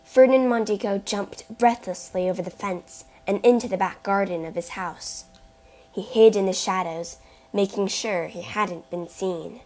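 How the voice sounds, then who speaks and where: A woman narrating a chapter book in a slow, deliberate reading voice. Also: mid-range voice. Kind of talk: storybook narration.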